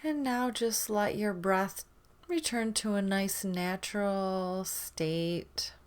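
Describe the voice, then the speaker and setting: A woman with a smooth, mid-range voice guides a meditation, speaking gently and soothingly with long pauses between phrases.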